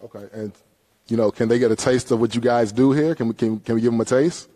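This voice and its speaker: A man's voice: mid-range voice, steady tone, fast, mellow. A man in his forties interviewing musicians with a handheld mic on a concert hall stage, chatty and playful. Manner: chatty, playful, ushers guests along. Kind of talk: casual interview.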